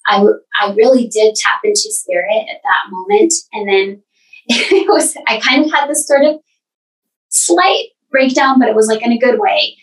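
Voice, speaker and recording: Earnest woman guest, slightly high voice. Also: recorded from a distance, low-quality recording. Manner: earnest, halting, many restarts. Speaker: podcast guest. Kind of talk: candid personal storytelling.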